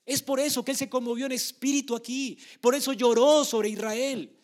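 Man, preacher, high voice, sermon, emphatic, hushed to loud swings. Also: fairly even intonation, normal speed.

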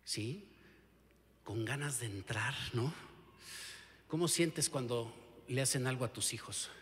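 Slow emphatic Mexican preacher. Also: male voice, mid-range voice, a bit bright, in a large hall, slight background noise. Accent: Mexican Spanish. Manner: emphatic preaching with frequent rhetorical questions to the listener. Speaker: pastor. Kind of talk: sermon. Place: church sanctuary.

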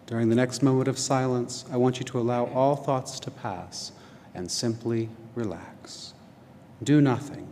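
A man leading a guided relaxation meditation in a calm, measured, gently instructing manner. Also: mid-range voice. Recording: long hall reverb, noisy ambience.

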